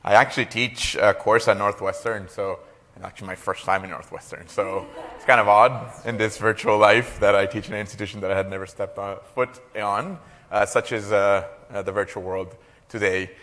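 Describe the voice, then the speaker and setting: This keynote academic lecture comes from a roughly forty-year-old Costa Rican man on a lapel mic, with long reverb from the large lecture hall. His fairly low voice is steady, fairly quick and a bit bright, though he hesitates, uses many fillers and slips in small jokes.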